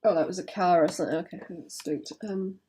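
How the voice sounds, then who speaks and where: A woman's voice: on the low side, steady tone, brisk, warm tone, slightly rough. A woman chatting casually on a live stream while she draws, thinking aloud and often stopping to restart her sentences.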